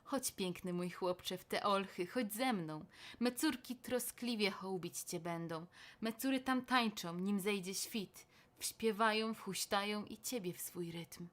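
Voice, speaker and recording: A woman voicing a seductive male elf king spirit who coaxes and menaces in a low, hushed manner. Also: a little slow, natural voice. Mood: coaxing.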